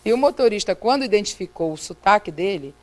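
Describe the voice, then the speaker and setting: A woman's voice: mid-range voice, expressive, fast talker, poor audio. A middle-aged woman with a Brazilian Portuguese accent, preaching in a church as a missionary and telling a story by acting out the dialogue. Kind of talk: storytelling sermon testimony. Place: church sanctuary.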